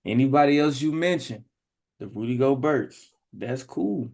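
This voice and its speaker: A hoarse man co-hosting a sports podcast, talking in a loose, slangy and emphatic way. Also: mid-range voice, lively intonation, moderate pace, a little mellow. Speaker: podcast co-host. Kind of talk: casual sports chat.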